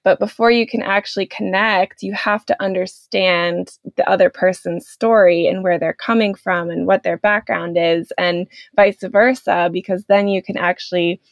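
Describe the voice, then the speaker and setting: A woman's voice: medium pitch, steady tone, normal speed, gravelly, few pauses, no room sound, dull audio. A woman explaining her views in a casual, conversational way, often hedging as she goes.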